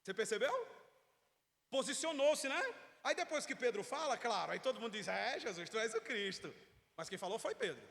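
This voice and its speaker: High-voiced Brazilian preacher in echoing church. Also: male voice, expressive, fairly quick, gravelly, fairly bright tone. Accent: Brazilian Portuguese. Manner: emphatic, asks the congregation questions. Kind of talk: teaching sermon. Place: church sanctuary. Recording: long reverb of a church hall.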